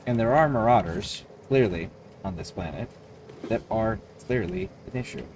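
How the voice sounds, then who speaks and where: A man livestreaming a video game, thinking aloud and reading choices in a deliberate, explanatory way. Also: lowish voice, lively intonation, a little mellow, slight background noise. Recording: game music behind the voice.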